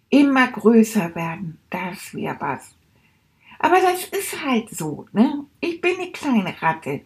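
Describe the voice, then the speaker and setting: A woman's voice: medium pitch, lightly acted. A woman voicing a small, timid male rat who is anxious and keeps repeating himself, in a children's audio story.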